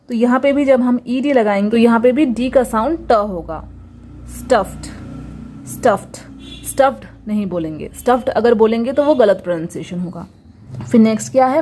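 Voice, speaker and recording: A woman's voice: on the high side, mellow. A woman teaching English pronunciation, patiently repeating each example word and asking rhetorical questions. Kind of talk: Hindi-language lesson on English pronunciation.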